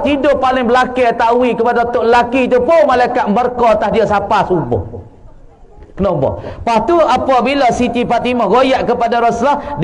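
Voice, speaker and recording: A man's voice: very high-pitched, poor audio. A man from southern Thailand with a Patani Malay accent, preaching a mosque sermon as a religious teacher, telling stories and acting out quoted voices in a teasing way.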